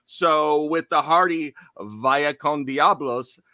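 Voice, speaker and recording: Male podcast co-host, jokey and tangent-prone, bright tone, dry close sound. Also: on the high side, takes it slowly, dry recording. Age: adult, studied in college. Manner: chatty and jokey, drifts into tangents. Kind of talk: casual chat.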